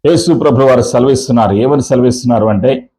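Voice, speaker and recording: Male preacher, church sermon, mid-pitched, hammers points with questions and drawn-out repetitions. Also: warm tone, poor audio. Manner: drawn-out slow phrases in series. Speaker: pastor.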